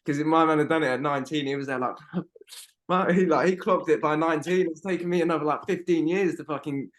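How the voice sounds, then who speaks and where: A man in his 20s co-hosts a podcast over a video call from home, his voice on the high side and his pace quick. It's casual chat: he rambles emphatically, swears freely, and leans on fillers like "bro."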